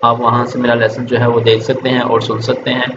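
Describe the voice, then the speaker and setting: A man gives a children's reading lesson in an even, flat voice. He sounds out each syllable slowly and explains with patience. The recording is dull and lo-fi, with steady background hiss. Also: mid-range voice. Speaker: Quran teacher. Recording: echoey room, dull lo-fi sound with steady noise.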